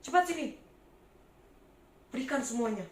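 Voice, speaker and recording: A woman's voice: on the high side, lively intonation, normal speed, echoey room, natural voice. A woman voicing a greedy, bossy male tax collector who demands money with scolding insistence. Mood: bossy demanding.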